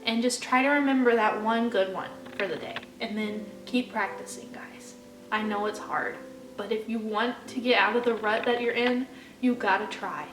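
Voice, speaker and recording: A woman's voice: fairly high pitch, fairly even intonation, normal speed. Twenty-something woman, heartfelt vlog pep talk, cusses a lot, roomy echo, music going. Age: 20s. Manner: earnest, encouraging, swears casually. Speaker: vlogger. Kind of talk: unscripted heartfelt talk to camera. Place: home room with her dogs. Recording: echoey room, distant mic, loud music behind.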